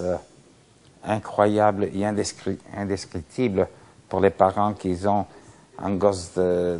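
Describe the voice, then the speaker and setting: Deep flat older man, grave. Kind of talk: recalled testimony.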